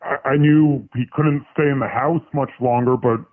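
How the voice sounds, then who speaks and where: A man calls in over a thin, tinny phone line, his voice run through a voice changer that disguises it. He tells his story in a halting, casual way, often restarting his sentences. His pitch sits in the middle range. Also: fairly even intonation, dry recording. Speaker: caller.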